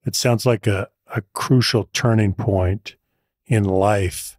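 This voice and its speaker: Low-voiced male podcast host. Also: fairly even intonation, slow, a little mellow, dry recording, clean studio sound. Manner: encouraging, paraphrases the guest. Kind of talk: interview questions.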